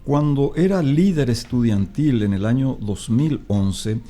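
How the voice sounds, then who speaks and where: Guy on a radio interview, mellow tone, emphatic, lots of eh and este. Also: medium pitch, lively intonation, unhurried, faint music behind. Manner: emphatic and explanatory, with frequent hesitations. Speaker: political commentator guest.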